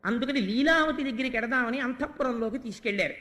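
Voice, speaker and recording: A male preacher with a very high voice tells a sacred story and chants verse in an affectionate, teacherly manner. His words ring through a long hall reverb. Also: quick pace, bright, forceful tone. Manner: affectionate, addresses listeners as dear child. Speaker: religious discourse speaker. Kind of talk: devotional sermon storytelling with recited verse.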